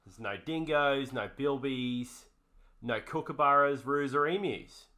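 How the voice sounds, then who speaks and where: Bloke doing a jokey fake aussie accent, bright sharp voice, cracks slang gags while reviewing cards. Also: male voice, medium pitch, measured pace. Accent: put-on broad Australian. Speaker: co-host. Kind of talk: comedic card review chat.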